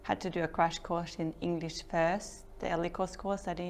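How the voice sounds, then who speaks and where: A woman's voice: fairly low pitch, flat delivery, moderate pace, a little hiss or hum. A middle-aged woman from Norway, speaking English, giving an informal startup talk full of ums and restarts. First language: Norwegian. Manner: hesitant, many ums and restarts. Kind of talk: informal presentation.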